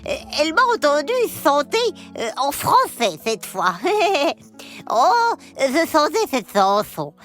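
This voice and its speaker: A woman's voice: high-pitched, huge pitch swings, takes it slowly, fairly bright tone, faint music behind, full character voice. A woman voicing a cheerful, giggly female elf who tells stories to children, exclaiming often and hesitating with many fillers. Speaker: children's storyteller. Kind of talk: children's story narration.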